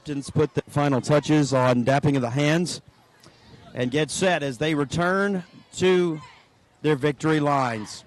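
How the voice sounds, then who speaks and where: Excitable high school football announcer man. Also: a little slow. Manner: excitable, rising to shouts on big plays. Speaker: play-by-play announcer. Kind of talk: local radio sports commentary.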